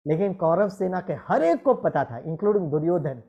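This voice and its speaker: A man voicing an aged male warrior patriarch who speaks to a young warrior with slow, solemn affection. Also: high-pitched, big pitch swings, mellow, exaggerated voice. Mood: tender, solemn. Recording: dull lo-fi recording.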